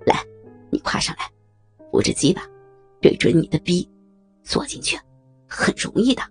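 A woman voicing a lustful middle-aged male official in a hushed, breathy half-whisper, lower than her own voice. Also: lively intonation, moderate pace, soft background music. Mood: coaxing.

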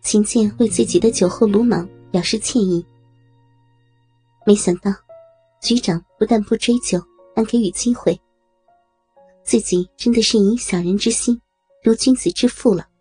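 Warm, husky female story narrator. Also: mid-range voice. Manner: steady, measured reading. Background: faint music.

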